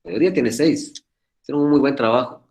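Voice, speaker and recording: A man lecturing law students over a video call, his voice sitting at an ordinary middle pitch. He talks quickly and earnestly, repeats himself, and speaks in a fatherly way. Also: darkish tone. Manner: talks fast, admits he speaks too quickly. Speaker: law professor. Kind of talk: online class lecture.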